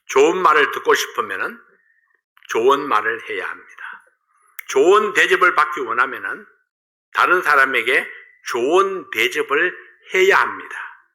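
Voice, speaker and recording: Calm mother explaining a lesson to her little boy, a guy preacher doing her lines, bright voice, pitch swinging up and down. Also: poor audio. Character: gentle mother teaching her young son.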